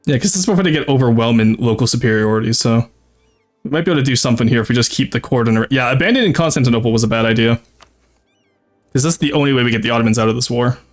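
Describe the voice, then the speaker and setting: A man's voice: medium pitch, rapid-fire, soft background music. A man streaming a strategy game with casual live commentary, thinking aloud and talking to his chat. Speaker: streamer, VTuber.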